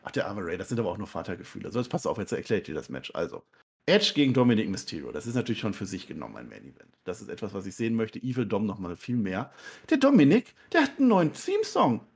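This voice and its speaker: A man co-hosting a casual wrestling recap, animated and jumping into high mocking voices when quoting people. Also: racing, creaky, husky. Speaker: podcast co-host.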